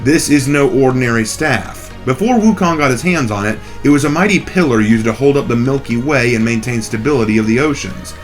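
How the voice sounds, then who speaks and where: A male video host narrates a scripted explainer in a mid-pitched voice. He sounds a little off from a cold, and faint music plays behind him. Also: expressive, a little fast, few pauses. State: slightly off voice from a cold.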